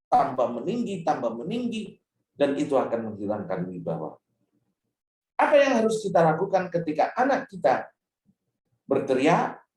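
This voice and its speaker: A male Islamic preacher giving a parenting lecture, animated and speaking directly to the parents in his audience. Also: a little high. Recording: roomy hall, mic at a distance.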